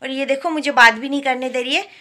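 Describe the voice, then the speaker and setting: A woman's voice: high voice, fairly even intonation, fast talker, bright, forceful tone, a little hiss or hum. A young woman from India, a new mother, chatting casually at home in her vlog and explaining what she shows on her phone camera. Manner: chatty, explains while showing things. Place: home, indoors.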